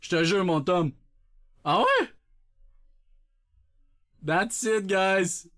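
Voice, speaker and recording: Loud, lively Québécois man streaming. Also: sits high, drawn-out words, dry recording, clean studio sound. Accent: Québécois French. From Quebec. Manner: loud, jokey, laughs often. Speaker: Twitch streamer. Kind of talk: casual live-stream chat. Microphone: sensitive desk mic.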